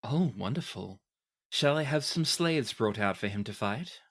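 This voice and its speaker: Imperious noblewoman, played by a man, cruel and formally condescending, mid-low male register, tabletop game. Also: animated, unhurried, a bit bright. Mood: cool, approving. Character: imperious, cruel noblewoman presiding over an arena. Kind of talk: tabletop game role-play.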